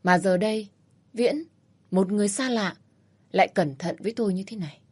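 A woman's voice: mid-range voice, fairly quick, a little mellow, breathy edge. A woman narrating a first-person story, reading animatedly and flaring into indignant dialogue.

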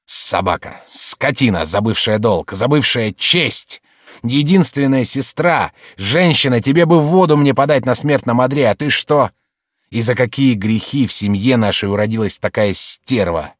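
A man's voice: medium pitch, normal speed, no room sound, studio quality, pitched above the performer's own voice, natural voice. A man reading aloud and voicing a dying older man who furiously scolds his sister, in an audiobook. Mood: furious scolding.

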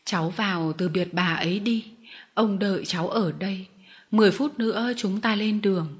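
A woman reading a story voices a stern old man who runs a travelling show of performing dogs. He gives curt commands at an ordinary pitch and expects obedience, speaking at normal speed in a natural voice.

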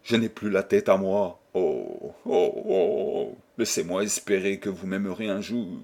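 A man's voice: deep voice, expressive, a little slow, creaky, darkish tone, voice pushed down, full character voice. Man voicing a fervent, imploring husband, proud and desperate. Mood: humble. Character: proud desperate man pleading with his wife.

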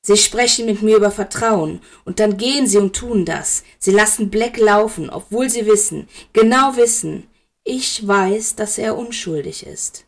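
A bitter wizard schoolteacher, furious and sharp-tongued, voiced by a woman reading aloud. The tone is accusing and clipped, with a gravelly edge in the voice. It sounds like an audiobook of fan fiction. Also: medium pitch, measured pace. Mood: angry.

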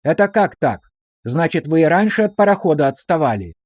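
A shrewd village policeman, read by a male narrator, who questions slowly and drily, with a stern, ironic edge. The voice sits a little high for a man and is recorded close and dry, like an audiobook. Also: big pitch swings, no room sound. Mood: interrogating.

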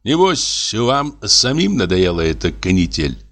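A man's voice: lowish voice, very animated, a little slow, fairly bright tone. A man reading a hearty, fussy elderly male postmaster who speaks in a familiar, wheedling way. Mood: jovial.

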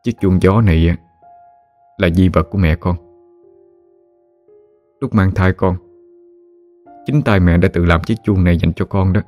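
Grieving widowed father, gentle and quiet, low voice; narrator voices him. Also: steady tone, measured pace, long pauses, faint music behind. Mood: tender. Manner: soft, hushed and gentle.

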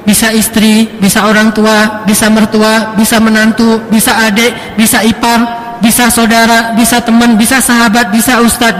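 A man preaching an Islamic sermon in a lively, teasing way, repeating and listing his points for emphasis. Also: very high voice, a little hiss or hum. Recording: long hall reverb.

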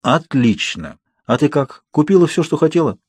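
A man's voice: on the high side, very animated, normal speed, darkish tone, breathy edge, no echo, clean studio sound, pitched above the performer's own voice. A man voicing a tired, easygoing middle-aged father in an audiobook, talking plainly and matter-of-factly. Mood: weary.

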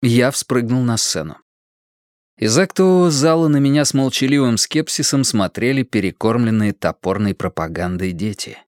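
A man reading an audiobook in a measured, dramatic storytelling manner. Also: mid-range voice, expressive, a little mellow, dry recording, clean studio sound. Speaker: audiobook narrator. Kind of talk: audiobook narration.

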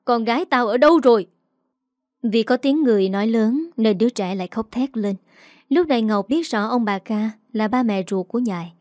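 A woman narrating a dramatic story in a steady, expressive reading voice. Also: on the high side, brisk, dry recording, clean studio sound.

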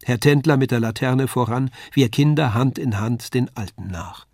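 Brief: older male narrator, steady literary reading, dry close recording. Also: mid-range voice, dry recording. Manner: measured, even storytelling. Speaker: audiobook narrator.

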